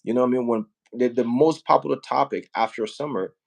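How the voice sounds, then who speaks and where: With a medium-pitched, creaky voice and a brisk delivery, a Liberian man promotes home building back home on a casual live stream. He sounds earnest and persuasive, regularly tossing in "right?" and "you know what I mean?"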